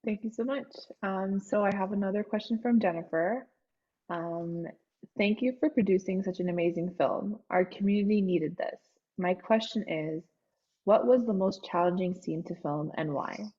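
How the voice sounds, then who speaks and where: A woman's voice: medium pitch, moderate pace. A woman moderating a panel, politely reading out audience questions. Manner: polite, reads questions aloud. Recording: muffled sound.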